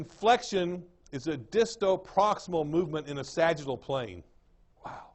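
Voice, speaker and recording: A man's voice: on the high side, darkish tone. Drawling East Texas man lecturing. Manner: drawling, repeats terms, checks understanding with the class. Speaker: anatomy lecturer. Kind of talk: classroom lecture. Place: lecture room.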